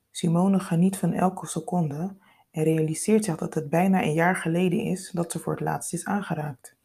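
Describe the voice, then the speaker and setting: A woman narrating a scripted story in a calm, intimate, unhurried way. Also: lowish voice, husky.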